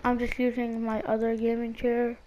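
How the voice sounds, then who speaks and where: Talking through a split lip that gets in the way of his speech, a young school-age gamer who makes gaming videos rambles hesitantly over his gameplay, repeating words in a casual way. The voice is medium-pitched, monotone and darkish at a normal speed. The lo-fi audio carries a little hiss or hum.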